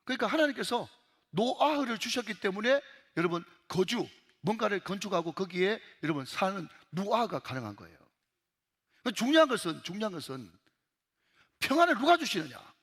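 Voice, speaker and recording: A man's voice: high voice, sing-song, fairly quick, a bit bright, breathy edge, in a large hall. A male pastor with a Gyeongsang accent preaching an emphatic sermon in a church, repeatedly calling out to the congregation. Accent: Gyeongsang Korean. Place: church sanctuary.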